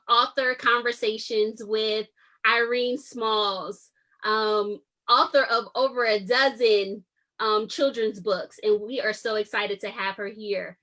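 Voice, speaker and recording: A woman's voice: a little high, bright, forceful tone, rough recording. A woman hosting an author interview, welcoming the guest and asking friendly, encouraging questions. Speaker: interview host.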